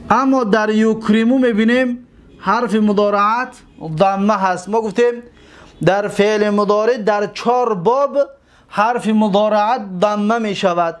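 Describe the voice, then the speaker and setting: A man gives a classroom grammar lesson in a notably high voice. He stretches out the forms he is teaching and repeats them for the students. He keeps posing questions and answering them himself. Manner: drills word forms slowly, poses and answers his own questions.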